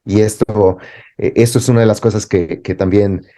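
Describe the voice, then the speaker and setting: A man speaking as a teacher and guest in an interview discussion, thoughtful and halting, with frequent restarts. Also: fairly low pitch, steady tone, dark tone.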